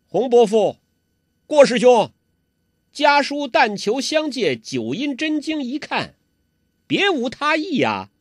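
A man voicing a sly young male villain who speaks with smooth, falsely polite pleading. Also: very high voice, sing-song, takes it slowly, long pauses, dry recording, clean studio sound, voice pushed up, full character voice.

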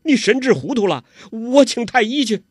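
A male storyteller voicing a young nobleman son who presses his mother with high, incredulous questions. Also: lively intonation, moderate pace, breathy edge, no echo, clean studio sound, exaggerated voice. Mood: bewildered.

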